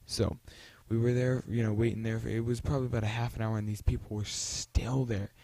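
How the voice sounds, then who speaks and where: A man's voice: lowish voice, level tone, fairly quick, gravelly, dark tone, no echo. A young man telling a story in a casual vlog, rambling with many fillers and restarts. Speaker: vlogger.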